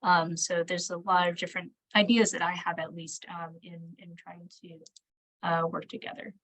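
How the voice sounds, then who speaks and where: Lowish-voiced woman fielding questions, tentative. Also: little pitch movement, moderate pace, fairly bright tone. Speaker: training presenter, local government staffer. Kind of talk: spontaneous answers in an online Q&A.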